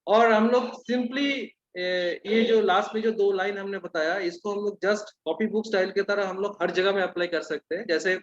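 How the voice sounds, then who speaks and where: A man leads a sales training talk with a high-pitched voice. He explains step by step and often stops on hesitant fillers. The recording sounds dull and lo-fi. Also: fairly even intonation, normal speed, few pauses. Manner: instructive, with frequent hesitant fillers.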